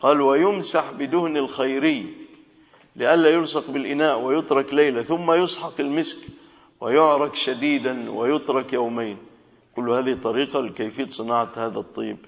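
A man's voice: mid-range voice, fairly even intonation, a little fast. A man teaching a religious lesson, reading a classical text aloud and explaining it in colloquial asides. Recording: dull lo-fi audio with long hall reverb.

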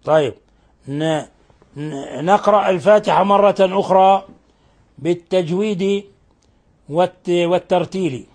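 A man's voice: high-pitched, measured pace, long pauses, a little mellow. A man teaching Quran recitation on a call-in show, patiently correcting each sound. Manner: patient, corrects pronunciation closely. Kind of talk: radio call-in recitation lesson.

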